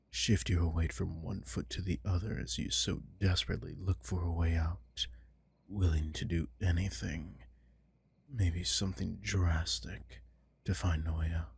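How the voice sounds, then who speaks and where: In this ASMR roleplay, the man's vampire lord is arrogant and aristocratic, delivered as a slow, low, menacing, seductive murmur. The voice is exaggerated, creaky, husky and a little mellow, recorded dry.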